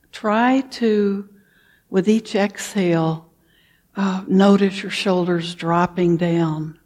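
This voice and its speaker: A woman leading a guided meditation, talking softly and calmly, with frequent throat clearing. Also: fairly low pitch. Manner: slow, soft-spoken and calm, with frequent throat clearing. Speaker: meditation teacher.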